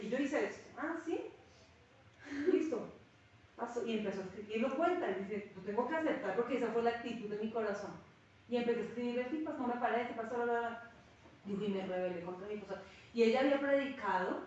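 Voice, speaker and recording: A woman pastor teaches a Bible class in a slightly high voice, telling anecdotes and acting out what people said as a lively storyteller in sermon-like fashion. The room is very echoey with a distant mic and dull sound, plus slight background noise.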